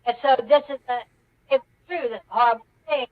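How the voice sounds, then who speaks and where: A caller's voice, pushed very high by a voice changer, arrives muffled and distant over a line riddled with dropouts. The speech is halting, full of restarts and half-finished thoughts. Words keep vanishing as the audio cuts out. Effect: audio cutting out in dropouts; pitch-raising voice changer. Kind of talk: call-in discussion.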